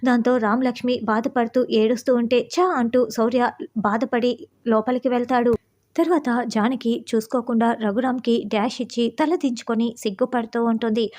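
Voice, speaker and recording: A woman's voice: fairly high pitch, a little mellow. A woman recapping the episodes of a television serial, telling the story steadily and briefly voicing the characters' lines.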